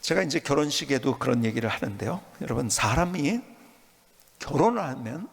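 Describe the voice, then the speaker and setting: Raspy preaching man in a reverberant hall. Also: mid-range voice, animated, a little fast. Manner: emphatic preaching, dropping to soft whispers. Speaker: pastor. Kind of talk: sermon.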